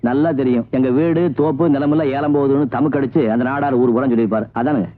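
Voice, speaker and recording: An actor playing a debt-laden village landowner and older brother, talking quickly and sardonically, quick to anger with his sisters. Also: mid-range voice, fairly even intonation, lightly acted. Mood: dry. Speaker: film actor. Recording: tinny lo-fi film soundtrack with music.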